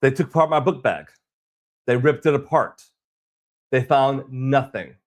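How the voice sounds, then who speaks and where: A man's voice: mid-range voice, a little slow. A man who grew up in Boston tells his travel story in a casual vlog. He sounds aggrieved, rambles and often restarts his sentences.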